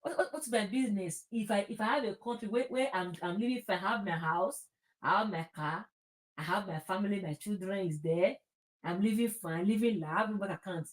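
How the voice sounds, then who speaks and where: On a low-quality recording, a Nigerian-accented female talk show host speaks a little fast in a mid-range voice. Her informal, impassioned political talk is emphatic about her opinions, with repeated phrases and shifts into Pidgin.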